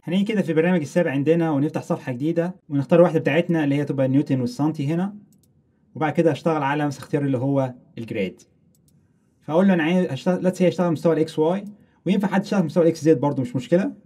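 Fast-talking Egyptian man teaching software. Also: a little high. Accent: Egyptian Arabic. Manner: explains step by step, mixing English technical terms into Arabic. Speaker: software tutorial instructor. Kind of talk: screen-recorded software lesson.

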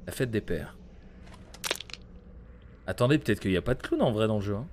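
A man's voice: fairly low pitch, expressive, fairly quick, darkish tone, slight background noise. Chatty man streaming a horror game. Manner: chatty, swears, greets chat viewers by name. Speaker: gaming streamer. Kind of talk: live gameplay commentary.

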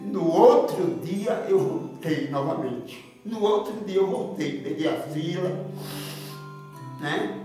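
A man's voice: fairly high pitch, expressive, takes it slowly, mellow. A man in his seventies with a Northeastern Brazilian accent from Paraíba, earnestly recounting his life story in a rambling, emotional way. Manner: rambling, earnest, with frequent "né?" asides. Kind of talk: slow, emotional spoken memoir. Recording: echoey room, distant mic, guitar music. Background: guitar music.

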